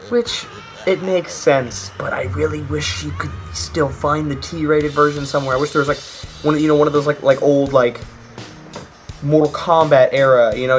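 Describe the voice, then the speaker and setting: A young man giving a casual, comedic video game review, sarcastic and jokey, ranting with mock outrage. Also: mid-range voice.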